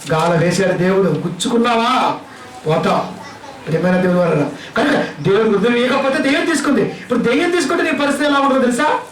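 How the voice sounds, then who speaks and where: A man's voice: very high-pitched, roomy sound, distant mic, slight background noise, poor audio. A male pastor with a Telugu accent preaching a sermon, scolding his listeners with a string of rhetorical questions.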